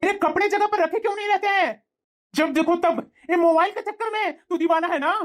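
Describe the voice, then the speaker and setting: Cartoon figure: an accusing young husband, voiced by a woman, very high for a man. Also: brisk, slight background noise. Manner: accusing, stern. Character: young husband, suspicious and stern.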